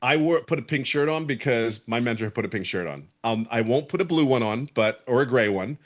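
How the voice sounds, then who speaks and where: A man's voice: medium pitch, expressive, brisk. A middle-aged man from Philadelphia, speaking with a Philadelphia accent, gives a passionate, emphatic testimonial and often repeats himself. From Philadelphia, USA. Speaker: program member giving a testimonial. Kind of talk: emotional testimonial on a video call.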